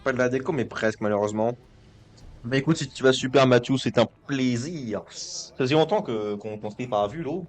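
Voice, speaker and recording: A young man who makes gaming videos rambles and jokes his way through casual commentary on a management game, frequently tripping over his words and starting again. His voice sits at a medium pitch with a somewhat dark tone.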